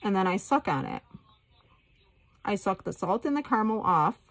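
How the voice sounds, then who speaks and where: A woman's voice: mid-range voice, very animated, moderate pace. A woman vlogger talking casually and candidly, in a rambling, informal way. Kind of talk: casual chatty vlog.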